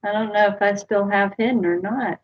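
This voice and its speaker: Answering viewer comments one by one, an American woman in her forties streams live from a small room in her home. She talks a little fast, her mid-range voice keeping fairly even intonation. The sound comes from a built-in webcam mic and is slightly dull and lo-fi.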